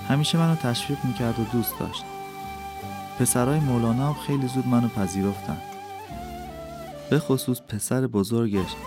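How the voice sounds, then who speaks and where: A man reading an audiobook aloud in a calm, measured storytelling manner. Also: mid-range voice. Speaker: audiobook reader. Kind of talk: audiobook narration. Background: faint music.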